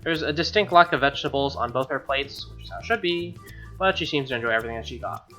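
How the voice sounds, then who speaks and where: A streamer reads a visual novel aloud, then breaks off into slangy, opinionated commentary full of exclamations. The voice is mid-range, quick and sharp, with music playing behind it.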